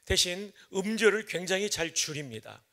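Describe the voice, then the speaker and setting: A man's voice: high-pitched, sing-song, normal speed, bright, forceful tone. A man from Chungcheong preaching an early-morning revival sermon in a church, mixing folksy jokes with emphatic teaching. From Chungcheong, Korea. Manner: folksy joking storyteller, then emphatic preaching. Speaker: pastor.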